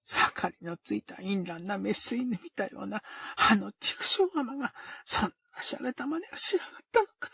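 A man voicing a frantic, hot-tempered woman neighbor from an old period tale, in a coarse and shrill manner. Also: sing-song, moderate pace, gravelly, sharp tone, slightly rough, no echo, exaggerated voice. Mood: furious. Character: frantic middle-aged woman tenement neighbor.

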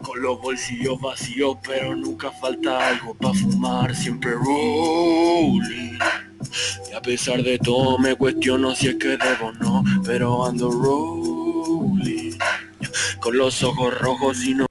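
A man's voice: mid-range voice, measured pace, over loud music. A man rapping and singing a Spanish trap song. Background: trap beat.

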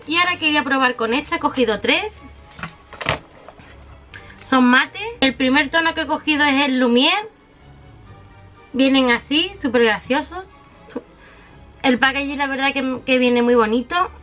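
A high-voiced woman from walks her viewers through a makeup haul, chatty and affectionate, piling on little diminutives as she shows each item. Faint music plays softly behind her. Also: a little slow, long pauses. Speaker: beauty vlogger.

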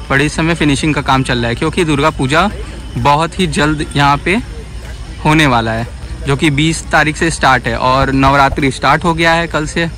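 A young man with a Varanasi Hindi accent vlogs a walkthrough of an outdoor city sports field, chatty and pointing things out. He films on a phone held at arm's length, and his voice is fairly high and a bit bright.

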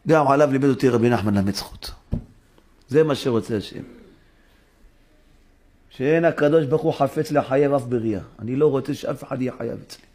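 A man preaches as a rabbi in his synagogue, pausing often while animatedly acting out dialogue punctuated by sudden high-pitched exclamations.

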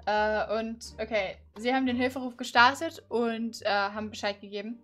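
A woman's voice: fairly high pitch, steady tone, normal speed, fairly bright tone, soft background music. A woman in her twenties doing casual, improvised role-play as a police officer in a game, talking in a conversational, hesitant way. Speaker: gamer playing a police officer.

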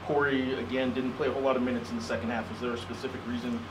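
A man, a sports reporter, asks a coach questions in a quick, flat monotone. He is picked up from across an echoey room, with steady noise behind him. The sound is distant and roomy. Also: medium pitch. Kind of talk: press conference questions.

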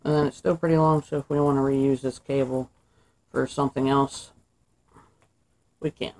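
The recording is rough: a young man with a creaky, mid-range voice speaks at normal speed while casually talking through a wiring job step by step. He's a DIY maker working at an indoor workbench, relaxed and thinking aloud, picked up by the camera's mic.

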